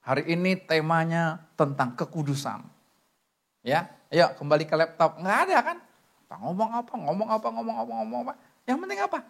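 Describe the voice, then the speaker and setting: Man, pastor, church sermon, animated storytelling, acts out conversations. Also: a little high, a little fast. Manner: lively storytelling, acts out dialogue.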